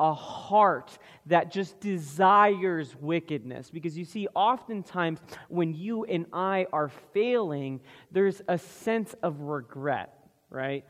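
Slow-preaching man in a reverberant hall. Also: sits high. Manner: slow, deliberate preaching with questions to the congregation. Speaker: pastor. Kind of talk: sermon. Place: church sanctuary. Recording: long reverb of a large hall.

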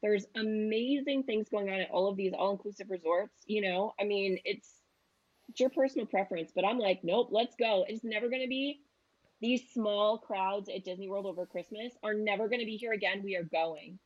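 A woman in her thirties, a travel agent appearing as a guest, chats casually at medium pitch and normal speed. She's a storyteller who acts out quotes. The sound is lo-fi.

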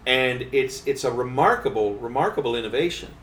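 A man of average pitch talks through fishing gear, thinking aloud and filling pauses with "um". He sounds a little far from the mic, with echo and faint ambient noise behind him. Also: animated, a bit bright. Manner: explanatory, pauses often with um. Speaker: fishing magazine editor. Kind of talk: casual live-streamed conversation. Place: fishing trade show floor.

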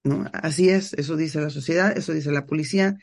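A woman's voice: low voice, a little fast, a little mellow. A middle-aged woman from Mexico with a Mexican accent, talking freely in a casual podcast monologue and often ending phrases with a questioning tag. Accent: Mexican Spanish. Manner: talks freely with slang, tags phrases with a questioning "¿no?". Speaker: podcast host.

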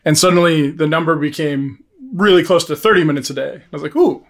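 A man with a higher-pitched voice speaks a little fast while co-hosting a podcast. The conversation is casual and informal, and he thinks aloud with false starts and quotes himself.

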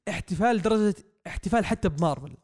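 A young man, rambling excitedly through a comic review on a podcast mic. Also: high voice, fast talker, breathy edge. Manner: excitable, rambling, acts out quotes. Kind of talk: casual podcast review chat. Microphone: podcast microphone.

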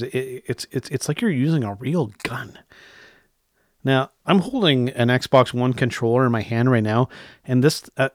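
This solo tech podcast features a host in his late thirties whose medium voice comes through a clean, dry studio recording. Blunt and prone to cursing when irritated, he wanders through his thoughts, restarting sentences and leaning on fillers like "and whatnot."

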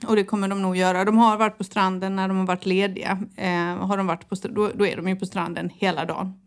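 A woman's voice: medium pitch, little pitch movement. A middle-aged woman co-hosting a podcast, chatting casually, telling stories animatedly and laughing often. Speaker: podcast co-host. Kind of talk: casual chat.

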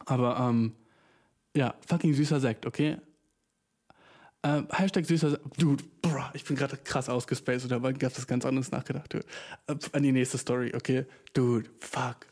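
A young male podcast host delivers a casual, rambling monologue, swearing frequently and mixing English slang and words into his speech. His voice is medium-pitched and a little mellow, with a steady tone at normal speed.

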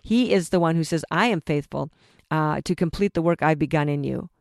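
A man's voice: a little high, fairly quick, vocal fry, a little mellow, no room sound. Give me a man preaching earnestly in a dry, close recording. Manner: earnest exhorting delivery. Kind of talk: preaching talk.

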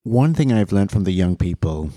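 A man's voice: low voice, big pitch swings, normal speed, dark tone, dry recording. A man hosting a casual group chat with a wry, dry humor. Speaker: podcast host.

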